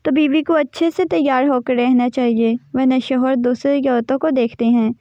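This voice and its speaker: A woman reading the lines of a shy, dutiful young bride in a soft, modest manner. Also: high-pitched, steady tone, no echo, natural voice. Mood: earnest. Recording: dry, slightly dull recording.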